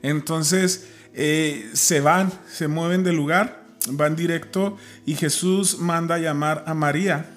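A man's voice: a little high, fairly even intonation, slow, fairly bright tone. A man casually discussing a Bible story, retelling scripture with many fillers and restarts.

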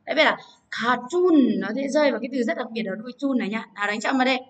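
A woman's voice: high-pitched, lively intonation, rapid-fire, a bit bright. A woman teaching English word stress to children, repeating words and urging her pupils to hurry and write. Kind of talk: online class teaching. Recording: voice from a distance.

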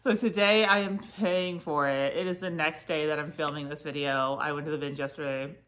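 Woman reseller, thirties, slightly low voice, stuffy nose; casual, chatty haul vlog delivery. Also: brisk. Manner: chatty, frequent fillers, lively asides. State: congested, sniffly. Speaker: reseller vlogger.

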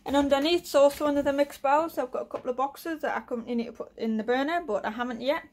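Here a high-voiced woman from the UK talks fast while casually touring her small shed workshop. A woodworking vlogger, she holds her phone to film and lists tool after tool, relaxed and full of fillers.

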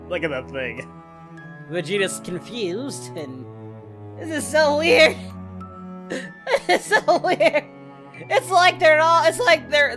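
Woman doing goofy cartoon hero Goku, excitable, very animated pitch, faint music behind. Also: heavily acted. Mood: amused. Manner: excitable, shouts at the screen, laughs often. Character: cheerful goofy adult male martial-arts hero. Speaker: reaction video host. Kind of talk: in-character reaction commentary.

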